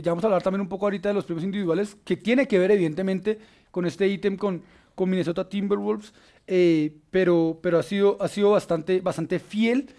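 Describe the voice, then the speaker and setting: A man with a Colombian accent hosting a casual basketball panel, enthusiastic and full of filler pauses. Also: sits high, warm tone. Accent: Colombian Spanish. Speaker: sports show host.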